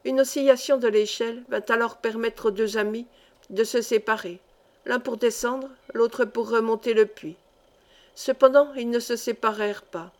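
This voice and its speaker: A woman reading a classic adventure novel aloud as an audiobook, with measured, clear phrasing. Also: fairly high pitch, fairly even intonation, a little mellow. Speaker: audiobook reader. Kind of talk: scripted narration of a novel.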